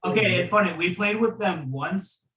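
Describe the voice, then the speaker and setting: A man with a bright, tense, slightly high voice gives blunt, offhand opinions as a band guest. His voice carries an echo from the room around him. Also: moderate pace, recorded from a distance. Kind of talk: casual group interview chat. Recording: echoey room.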